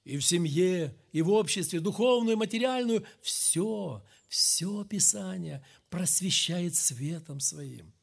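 A middle-aged man preaching a sermon, swinging between loud emphatic peaks and low quiet asides. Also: lively intonation, slow, vocal fry, few pauses. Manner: acts out quoted speech in a raised voice.

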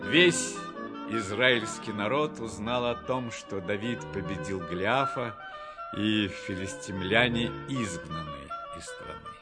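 A man narrating a Bible story for a storybook reading in a measured, expressive way. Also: lowish voice. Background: faint music.

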